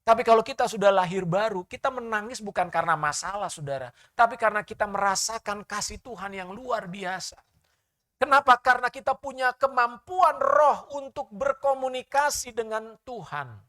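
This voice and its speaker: Male pastor, lively sermon delivery with sharp swings in volume, questions his congregation. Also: sits high, moderate pace. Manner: animated preaching with sudden loud and soft swings.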